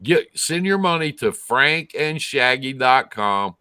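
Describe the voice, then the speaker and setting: A man's voice: medium pitch, expressive, slow, pushed and bright, smooth, dry recording, clean studio sound. A man co-hosting casual trucker talk in a blunt, sarcastic way, swearing freely.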